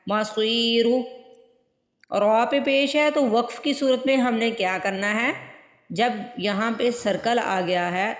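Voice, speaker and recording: A woman teaching Quran recitation step by step, patiently repeating words slowly to show pronunciation. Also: fairly high pitch. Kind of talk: step-by-step tajweed lesson. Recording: echoey room with long reverb.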